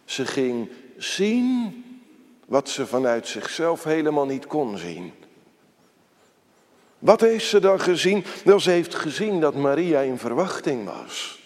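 A man preaching a sermon to his congregation, slow and emphatic, quoting scripture in a solemn tone. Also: fairly high pitch, big pitch swings, darkish tone. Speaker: pastor. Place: church. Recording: church hall reverb.

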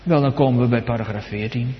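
A man preaching a sermon in a solemn cadence, his voice swelling loud and high for quoted psalms and sinking low and soft in between. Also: fast. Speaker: pastor. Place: church. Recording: dull sound with long church reverb.

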